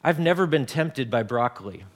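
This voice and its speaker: A man's voice: mid-range voice, expressive, normal speed, a little hiss or hum. A man in his forties preaching a conversational sermon, often repeating words and mixing in homely everyday examples. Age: 40s. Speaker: pastor.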